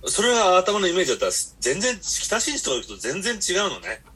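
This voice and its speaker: A man's voice: high-pitched, huge pitch swings, quick pace, sharp tone, slightly rough. A man hosting a podcast, telling long rambling stories in blunt casual chat. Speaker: podcast host.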